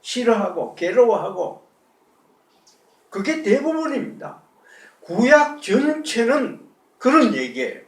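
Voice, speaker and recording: Male pastor, high lively voice, conversational sermon, miked from a distance in an echoey sanctuary. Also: slow, long pauses. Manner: conversational preaching with rhetorical questions. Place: church sanctuary.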